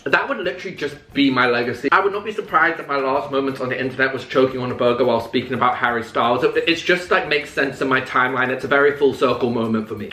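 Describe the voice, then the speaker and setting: A British man in his twenties talks to the camera in a camp, playful, self-mocking chatter while he eats. His voice is bright and swings up and down all the time. The room around him sounds echoey. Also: mid-range voice. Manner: eating while talking. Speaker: vlogger. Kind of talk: casual chat to camera. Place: indoor room with an open window.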